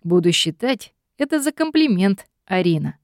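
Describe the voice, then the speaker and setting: A woman voicing a domineering male demon boss who speaks in a calm, lazy, mocking way. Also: mid-range voice, moderate pace, no echo, studio quality, natural voice. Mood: smug.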